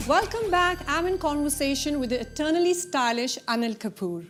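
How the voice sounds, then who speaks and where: A woman hosting a TV interview, upbeat and quick to laugh. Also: high-pitched, lively intonation, soft background music. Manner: bright, upbeat, laughs often. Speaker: talk-show host.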